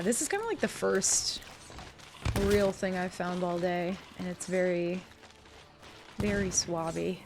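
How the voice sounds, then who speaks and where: A woman streaming a game live, chatting casually and playfully, with sudden yelps and squeals and voice cracks when something startles her. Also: fairly low pitch. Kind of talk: casual live gameplay commentary. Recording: noisy live stream audio.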